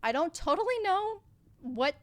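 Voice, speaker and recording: Enthusiastic female podcast host from the Midwest, chatty and warm-hearted interviewer, dry studio sound. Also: extremely high pitch, big pitch swings, unhurried, no room sound. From American Midwest. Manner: bubbly, enthusiastic, says "like" often.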